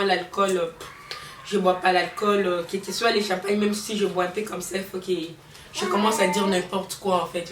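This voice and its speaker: A woman's voice: medium pitch, reverberant, recorded from a distance, noisy background. A young woman with a Congolese French accent, telling a personal story to her viewers in a chatty, laughing way. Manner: chatty, addresses viewers directly, laughs often. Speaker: vlogger. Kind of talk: storytime chat to camera.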